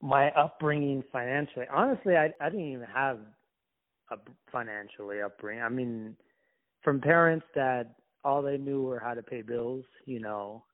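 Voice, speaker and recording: Man from Somalia on a tinny call. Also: mid-range voice. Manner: halting, reflective, many restarts. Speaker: interview guest. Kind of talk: casual conversation. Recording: tinny phone-like call line.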